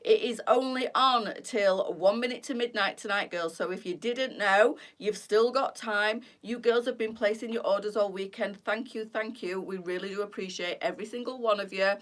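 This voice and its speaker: A woman's voice: mid-range voice, moderate pace, hardly any pauses. A woman hosting a boutique live stream, chatting casually to viewers and at times out of breath while changing clothes. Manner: chatty, warm sales patter addressing viewers as girls. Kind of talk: casual live-selling chat.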